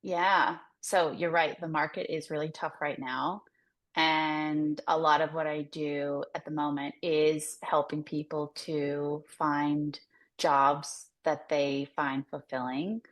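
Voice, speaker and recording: An American woman, a career coach appearing as a podcast guest, explains her work in a loose, conversational interview style. Her voice is low-pitched, with a level tone and slow pace.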